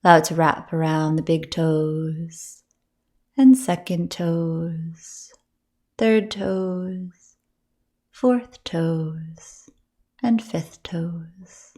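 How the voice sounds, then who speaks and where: A woman guiding a yoga nidra meditation speaks with a low pitch and fairly even intonation. Her delivery is soft, soothing and breathily gentle, with long pauses separating her phrases.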